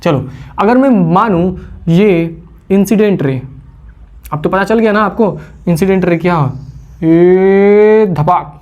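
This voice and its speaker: A man's voice: high voice, a little slow, darkish tone, lo-fi sound. A male teacher giving a classroom physics lecture, teasing imagined students, repeating key terms and quizzing the class, with English terms mixed in. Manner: mixes English terms into speech.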